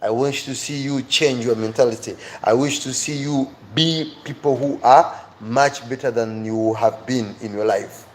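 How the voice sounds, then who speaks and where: A man of medium pitch speaks a little slowly and with few pauses while teaching English reading skills on a livestream. The online teacher and host is emphatic, repeating phrases and directly pleading with and encouraging viewers. Clear background noise is present.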